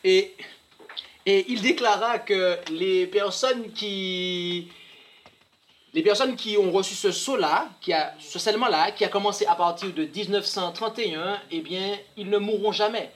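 In an unhurried, mid-range voice, an interpreter translates a sermon phrase by phrase and reads quoted passages aloud, sometimes restarting words.

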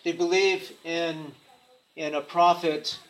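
A man's voice: fairly high pitch, level tone, a bit bright, rough recording. Man preaching in short phrases. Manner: short phrases, pausing for translation. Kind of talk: sermon with live interpreter.

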